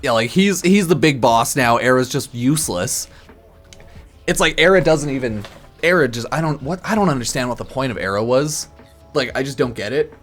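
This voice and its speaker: With music running beneath him, a slightly tipsy man offers casual, rambling game commentary full of blunt opinions and profanity. His voice is medium in pitch, a bit bright, lively in intonation, and moderately paced.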